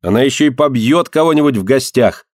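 A man voicing a prim, sharp-tongued older girl in an audiobook, tart and teasing. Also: medium pitch, lively intonation, fast, no room sound, studio quality, pitched above the performer's own voice, close to an everyday voice.

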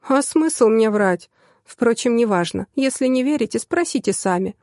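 A woman's voice: fairly high pitch, animated, moderate pace, darkish tone, dry recording, clean studio sound. A woman reading as a smug, teasing young secretary. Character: sly mocking young female secretary.

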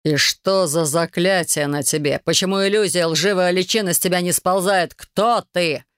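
Slow, menacing dragon done by the narrator, low growl, dry close sound. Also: fairly even intonation, clear, resonant tone, no room sound, close to an everyday voice. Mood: interrogating. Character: furious male dragon, a possessive lover.

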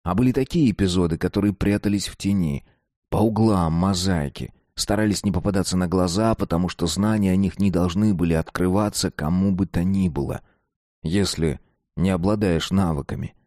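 A man reading a dark story aloud, slow and deliberate. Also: sits low, dry recording, clean studio sound. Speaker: narrator. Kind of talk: scripted narration of a dark story.

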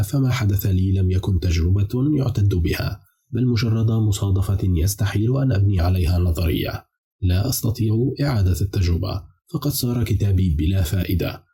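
A man narrating a dark novel as an audiobook in a measured, somber storytelling manner. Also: lowish voice, husky. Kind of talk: scripted dramatic narration.

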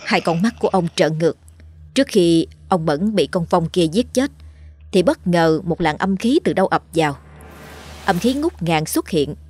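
Husky woman narrating a ghost story. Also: fairly low pitch. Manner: steady, dramatic storytelling. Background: faint music.

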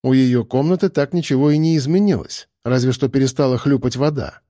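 Man narrating an audiobook, dark voice. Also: medium pitch, brisk, no room sound, clean studio sound. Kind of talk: scripted narration.

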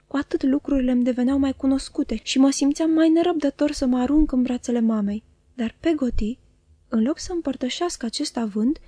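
A woman reading a novel aloud in calm, even storytelling narration. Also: high voice, no room sound. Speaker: audiobook reader.

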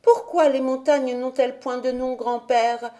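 A woman voicing an eager, curious little mountain girl asking questions in a high voice. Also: fairly even intonation, a little slow, mellow.

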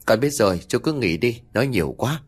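A man's voice: fairly low pitch, lively intonation, fairly quick. A man voicing a cheeky young male truck driver who teases and complains. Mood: teasing. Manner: teasing, whiny.

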